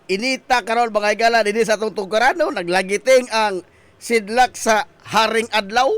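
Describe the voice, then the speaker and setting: A man's voice: high voice, background noise. A man with a Visayan accent hosting a morning radio show, chatting playfully, singing lines and laughing. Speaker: radio host. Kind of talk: casual radio talk. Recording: loud music bed behind voice.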